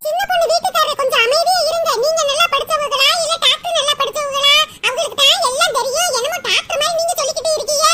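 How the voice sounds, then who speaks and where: A performer voicing nosy, tactless village women in a cartoon, talking in loud, bossy, teasing banter. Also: very high-pitched, fast, few pauses. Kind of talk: cartoon comedy voice acting. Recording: loud background noise.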